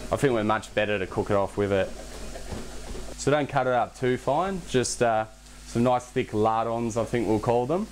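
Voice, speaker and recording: A young man hosting a casual cooking demonstration in a home kitchen, relaxed and chatty, with self-deprecating asides. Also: mid-range voice, slight background noise. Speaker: cooking show host. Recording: background music under the voice. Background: music and pan sizzling.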